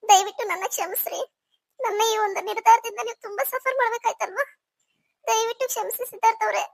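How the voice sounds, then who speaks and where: A woman's voice: extremely high pitch, fast, creaky, no room sound, studio quality. A woman voicing a meek, apologetic young wife in a cartoon story. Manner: meek, pleading.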